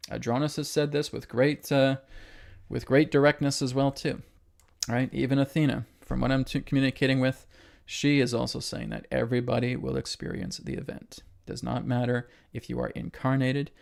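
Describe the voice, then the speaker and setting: A spiritual channeler and host lectures an online audience emphatically in a medium-pitched voice with vocal fry. He hammers his points through repetition, poses rhetorical questions, and tags many statements with "right?"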